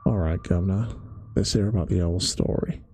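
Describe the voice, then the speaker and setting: A man doing a grumbling old zookeeper with a rough London working-class accent. The voice sits deep and gravelly, with a dark, mellow tone. He talks bluntly and slowly in dialect, told as a bedtime-story ASMR reading. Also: soft background music. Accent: London working-class (put on). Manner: rough dialect, slow folksy telling.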